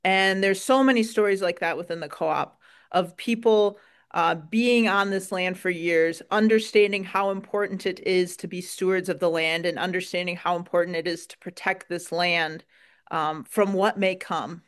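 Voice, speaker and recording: Smooth-voiced Wisconsin woman. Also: lowish voice, steady tone, moderate pace. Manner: earnest, folksy, with many "um"s. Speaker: dairy farmer and co-op member. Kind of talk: interview answers.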